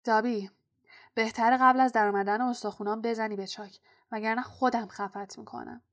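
A woman's voice: a little high, steady tone, fairly bright tone. A woman voicing an injured young wizard boy who speaks sharply and urgently. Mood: angry.

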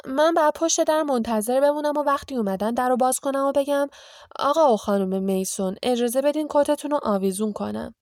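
A spoiled, smug boy rattles off rehearsed good manners, as a woman reading the story puts him on. The voice runs high and fairly loud. Dry, close audiobook sound. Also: no echo.

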